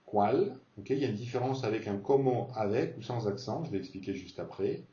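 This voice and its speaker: A man teaching a beginner Spanish lesson, repeating words slowly to model pronunciation. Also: fairly low pitch, lively intonation, dark tone, reverberant, distant mic, lo-fi sound.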